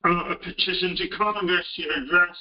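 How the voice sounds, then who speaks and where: A man calling in to a talk show over a phone line that keeps breaking up, speaking haltingly and restarting his words. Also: high voice, little pitch movement. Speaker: caller. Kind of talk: call-in radio talk. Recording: muffled, distant phone-in line.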